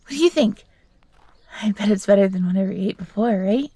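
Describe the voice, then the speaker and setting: In a scripted audio roleplay, a woman voices a young fox girl who is timid yet eager and grateful, sounding delighted. Her mid-range voice is soft, breathy and brisk, captured in a dry recording.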